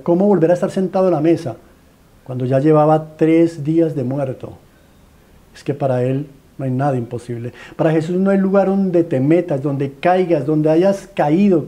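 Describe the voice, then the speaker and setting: A Colombian man preaching in a fairly high voice with a mellow, warm tone. He tells the story dramatically and pleads with his listeners, piling up rhetorical questions and repeating his phrases.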